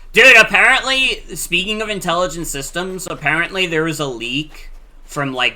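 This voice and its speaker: A man in his twenties, a streamer chatting casually while he plays, excitable and quick to swear. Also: medium pitch. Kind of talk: casual game-stream chat.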